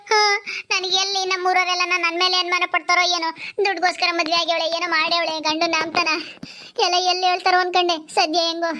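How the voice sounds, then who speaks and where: A woman's voice: very high voice, pushed and bright. A woman voicing a wronged young village wife who complains plaintively.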